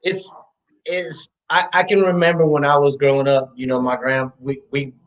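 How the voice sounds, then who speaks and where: Casual halting man from Ohio. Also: on the high side, little pitch movement, poor audio. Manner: casual, halting, with many fillers and restarts. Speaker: podcast host. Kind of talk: podcast conversation.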